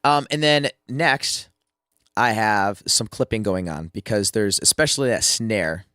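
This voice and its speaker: Speaking at a measured pace, a man with a low-side voice sounds pushed and bright, his tone clean and free of echo. He's a music producer who is sick and losing his voice, casually walking through a screen-share drum mixing tutorial with many fillers and restarts.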